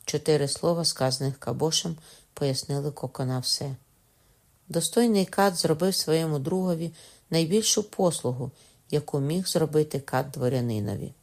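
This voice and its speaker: A woman with a notably low voice reads a classic novel aloud. Her delivery is steady and measured, an even storytelling pace. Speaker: audiobook narrator. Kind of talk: scripted narration.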